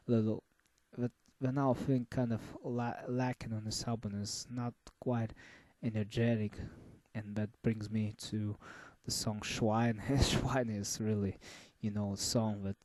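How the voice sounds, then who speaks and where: A man giving a casual album review, halting and full of fillers and restarts. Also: lowish voice, darkish tone, no room sound. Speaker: music reviewer.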